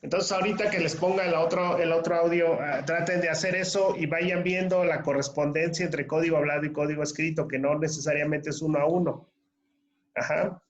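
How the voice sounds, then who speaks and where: A man's voice: a little high, fairly even intonation, a little fast, a little hiss or hum. Man teaching over an echoey video call. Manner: patient, explanatory, calls on students by name. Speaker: language teacher. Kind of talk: online class instruction. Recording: echoey, dull lo-fi call audio.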